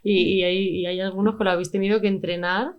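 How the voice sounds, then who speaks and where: A woman's voice: medium pitch, fairly even intonation, fast, lo-fi sound. Affirming woman podcast host. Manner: engaged, affirming with frequent interjections. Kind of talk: casual interview chat.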